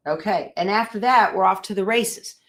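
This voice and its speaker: Speaking at a normal pace in a medium pitch, this embroidery instructor teaches machine embroidery over a live stream from her sewing room. She thinks aloud while preparing the machine and keeps up a conversation with viewers.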